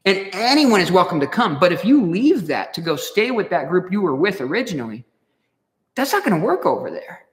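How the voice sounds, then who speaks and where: A man's voice: high voice, big pitch swings, fairly quick. A man giving a casual, slangy sermon with a laid-back, laughing manner. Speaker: pastor. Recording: echoey hall with long reverb.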